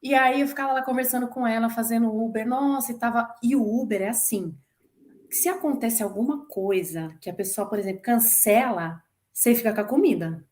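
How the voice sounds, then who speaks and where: A Brazilian woman in her forties with a Brazilian Portuguese accent talks in a relaxed interview. She tells anecdotes briskly and acts out the voices of people she quotes. Her voice sits a little higher than most women's. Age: 40s. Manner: lively storyteller who acts out quoted voices. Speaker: former flight attendant telling her story. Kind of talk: casual chat interview.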